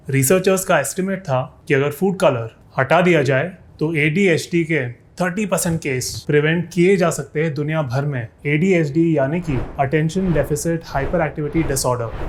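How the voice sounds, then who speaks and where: A man, a fitness YouTuber, narrating a scripted explainer. He speaks to his viewers, often asks rhetorical questions and adds sarcastic asides. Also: a little high.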